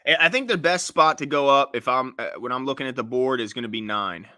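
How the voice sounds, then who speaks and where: A man's voice: mid-range voice, fast talker, pushed and bright, no echo, clean studio sound. A man co-hosting a live sports talk draft show, breaking down trades in an easygoing, joking way. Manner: easygoing, analytical, jokey. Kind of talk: casual draft-night chat. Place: studio.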